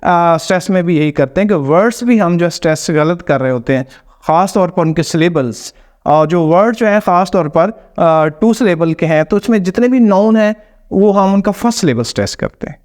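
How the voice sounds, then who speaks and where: A man teaching English pronunciation, explaining step by step and slowly demonstrating which words to stress. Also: sits high, expressive, darkish tone. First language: Hindi or Urdu. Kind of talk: pronunciation lesson.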